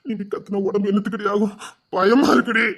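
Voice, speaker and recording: A woman's voice: mid-range voice, fairly even intonation, brisk, close to an everyday voice. A woman with a Tirunelveli Tamil accent playing an anxious husband who pleads and repeats himself over and over. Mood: pleading.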